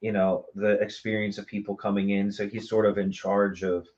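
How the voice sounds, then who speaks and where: In a casual live interview, a man from a small theater company speaks at length with chatty enthusiasm about his work. His voice is on the low side, a little mellow, level in tone and at a moderate pace, with lo-fi sound.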